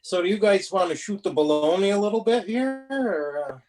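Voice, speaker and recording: A man's voice: sits high, a little fast, darkish tone. A man chatting casually on a paranormal talk show in a folksy, colloquial, rambling way. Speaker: panelist on a paranormal live show. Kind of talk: casual chat.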